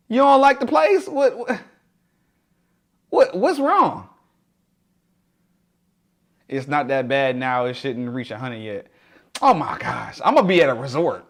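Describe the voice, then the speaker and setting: A young man casually chatting to his livestream viewers, laughing often and greeting them by name. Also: mid-range voice. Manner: drops to a hushed voice to share a secret. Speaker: livestream host.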